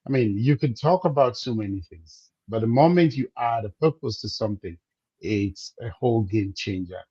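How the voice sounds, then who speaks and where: Man, reflective guest, measured delivery, dry close sound, warm dark tone. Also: lowish voice, breathy edge, dry recording, lo-fi sound. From Cameroon. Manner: measured and reflective, slowing to stress points. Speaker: guest, business coach. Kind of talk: conversational interview.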